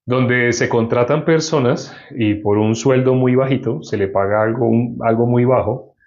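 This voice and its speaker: A man's voice: mid-range voice, normal speed, a little mellow. A man preaching a sermon and reading from the Bible, explaining and putting questions to his listeners. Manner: explanatory, asks the audience questions. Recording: dull lo-fi recording.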